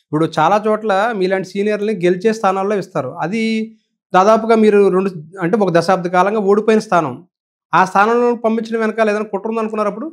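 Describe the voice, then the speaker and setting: A man's voice: high-pitched, steady tone, rapid-fire. A man interviewing a politician, asking polite, leading questions and addressing him as sir.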